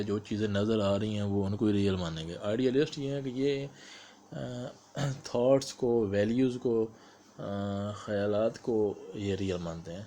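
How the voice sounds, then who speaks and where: A man with a Pakistani accent explaining exam questions step by step, like a teacher, and reading the questions out slowly. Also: lowish voice, darkish tone, slight background noise. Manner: explains step by step, mixing English terms into Urdu, reads questions aloud slowly. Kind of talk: explanatory exam-prep lecture.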